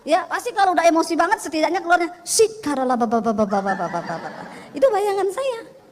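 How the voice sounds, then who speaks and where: A middle-aged woman pastor with a Sulawesi accent, preaching in a very high, quick voice. She tells her points as lively stories and acts out the voices. Her words echo with a long reverb in a large church hall. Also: a little hiss or hum. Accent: Sulawesi Indonesian. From Sulawesi, Indonesia. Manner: animated storytelling, acts out voices. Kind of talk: sermon.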